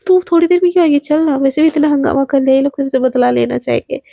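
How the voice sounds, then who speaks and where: A woman's voice: high-pitched, quick pace, vocal fry, dark tone, no room sound. A woman voicing a caring young college woman who asks startled, worried questions.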